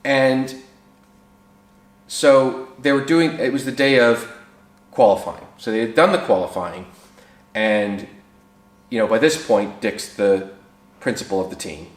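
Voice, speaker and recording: A man casually telling old racing anecdotes, animated and acting out the people he quotes, with relaxed fillers. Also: medium pitch, measured pace, long pauses, echoey room. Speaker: former racing team mechanic telling stories. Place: workshop.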